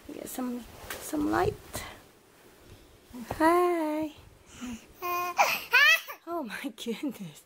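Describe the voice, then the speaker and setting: A young mother doing sing-song baby talk to her infant and laughing often. She is filming at home with a handheld camera, and her voice is still coming back after she lost it. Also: a little high. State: voice recovering from loss. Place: indoors at home. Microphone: handheld camera close up. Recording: noisy home video.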